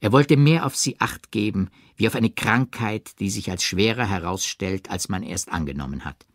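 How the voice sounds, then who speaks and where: A man narrating a classic novel as an audiobook in a measured, expressive reading. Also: lowish voice, no room sound, studio quality. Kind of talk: scripted literary narration.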